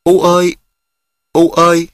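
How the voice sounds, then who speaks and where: A man's voice: on the high side, completely flat delivery, measured pace, pitched above the performer's own voice, natural voice. A male narrator voicing a wounded, exhausted young peasant man, urgent and emotional. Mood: pleading.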